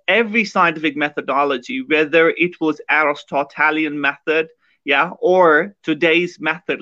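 A man's voice: a little high, sharp tone, no room sound, dull audio. A man from Kashmir with a Kashmiri accent, explaining ideas as a podcast guest. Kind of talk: explanatory interview talk.

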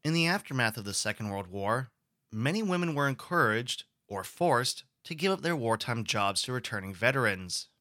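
Bright-voiced male history lecturer. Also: mid-range voice, expressive, normal speed, no echo, studio quality. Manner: explanatory, poses rhetorical questions. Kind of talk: recorded lecture.

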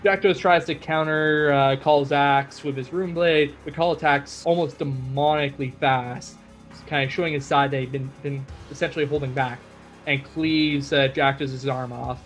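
A man's voice: fairly high pitch, steady tone, moderate pace, faint music behind. A man hosting a podcast and recapping a story in a casual, chatty way with many fillers. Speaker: podcast host.

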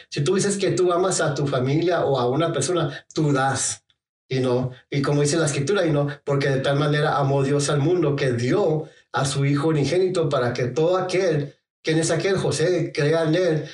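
A middle-aged male preacher who speaks in a halting way and keeps repeating a filler phrase. His voice sits a little high for a man. It sounds far from the mic, in an echoey room. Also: a little mellow. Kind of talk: sermon.

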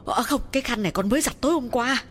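A man's voice: extremely high pitch, very fast, fairly bright tone, pitched above the performer's own voice. A man voicing an eager, anxious young female servant who asks curious, pleading questions.

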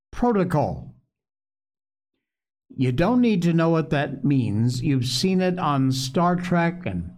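A man hosting an opinionated news commentary show, speaking emphatically with dramatic pauses straight to his listeners. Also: fairly high pitch, a little mellow. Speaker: show host.

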